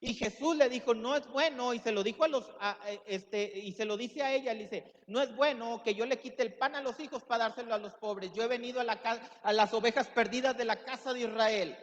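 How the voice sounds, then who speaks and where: A man's voice: very high-pitched, brisk, few pauses. A man giving a sermon as pastor, preaching with emphatic rises and acting out quoted voices. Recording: dull sound with long hall reverb.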